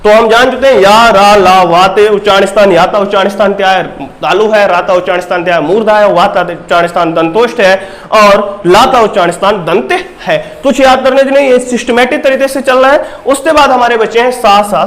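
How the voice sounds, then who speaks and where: A man's voice: high-pitched, fairly bright tone. A male teacher giving an exam-prep grammar lesson, asking questions and repeating the answers to drill them in.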